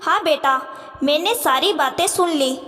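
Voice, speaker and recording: A woman voicing a caring middle-aged stepmother who gently coaxes her daughter, in a reverberant room. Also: high-pitched, measured pace. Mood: coaxing.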